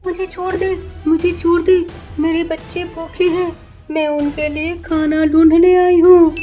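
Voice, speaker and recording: A protective cartoon mother cat, voiced by a woman speaks slowly in a very high voice with a flat tone. She soothes and pleads in a steady way. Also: faint music behind. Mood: pleading.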